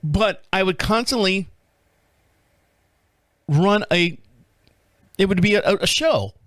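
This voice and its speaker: Man, 50s, podcast host doing a rambling, self-mocking solo talk, slightly high voice, dry close sound. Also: animated, takes it slowly, fairly bright tone, no echo. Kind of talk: casual solo monologue.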